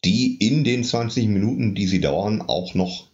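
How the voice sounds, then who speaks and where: A man's voice: lowish voice, measured pace, a little mellow, highs cut off. A man co-hosting a casual discussion podcast, arguing his points firmly and emphatically. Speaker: podcast co-host.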